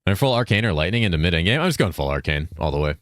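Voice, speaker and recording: A laid-back male game streamer with a deep voice, held a bit higher than his natural pitch, rambles, swears plenty, and reads chat aloud. His delivery is sing-song, very fast, and a bit bright, captured in a dry, clean studio recording.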